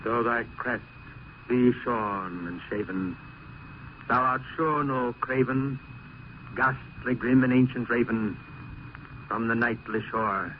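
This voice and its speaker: A brooding male poet, played by a man with theatrical, declamatory delivery and a medium-pitched voice. He speaks with fervour, as in an old radio play, through a narrow, noisy vintage recording. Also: slow, long pauses, close to an everyday voice. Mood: anguished, impassioned. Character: Edgar Allan Poe, brooding, fervent male poet. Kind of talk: old-time radio drama acting with verse recitation.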